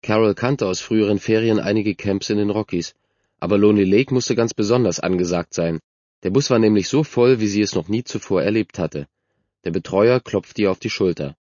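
A man with a low voice reads a children's story aloud in a steady, clear narrating style. The recording is dry and close, with a dull, slightly muffled tone. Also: a little fast, no echo. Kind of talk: audiobook narration.

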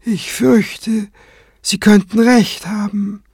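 A man voicing a calm male cleric with dry, ironic wit in an audiobook. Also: high-pitched, slow pace, breathy edge, no room sound, voice pushed up, exaggerated voice.

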